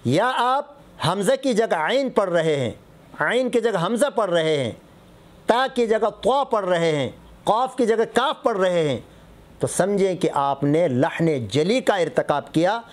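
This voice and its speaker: A man's voice: high voice, animated. A middle-aged man, a mufti, giving a religious lesson on correct Quran recitation, patiently explaining with contrasting word examples. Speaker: mufti teaching Islamic rulings.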